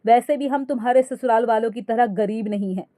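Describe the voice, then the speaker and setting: A woman's voice: fairly high pitch, a little fast, mellow, dry recording, clean studio sound, natural voice. A woman voicing a proud middle-aged uncle, an indignant and boastful guest in a spoken story.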